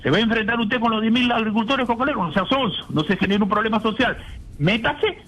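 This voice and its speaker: A man's voice: high voice, fast talker, a bit bright, rough recording. An older man, a retired general, speaking indignantly as a radio guest and firing off rhetorical questions. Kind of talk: phone-in radio interview.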